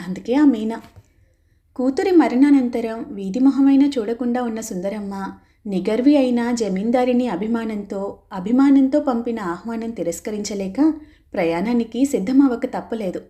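Brief: woman narrator, soft warm tone, steady pace, reading a novel. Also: on the high side, normal speed. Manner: steady storytelling, voicing characters' lines. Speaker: audiobook narrator.

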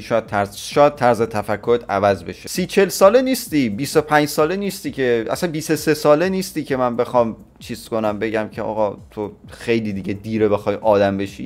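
A man in his twenties from Iran giving blunt, opinionated reaction commentary with crude slang. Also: mid-range voice. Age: 20s. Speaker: YouTuber reacting to a clip.

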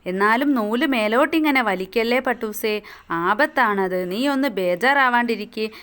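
Woman voicing a worried little girl, anxious, begging, storybook reading, clear smooth voice. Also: fairly high pitch, expressive, unhurried, a bit bright. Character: worried little girl holding a kite string.

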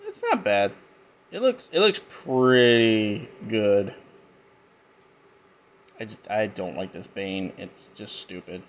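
A man reviewing action figures in a casual unboxing chat. He talks slowly and rambles, with jokey asides and lots of fillers. His pitch stays animated throughout. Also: highs cut off, a little hiss or hum. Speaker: toy reviewer.

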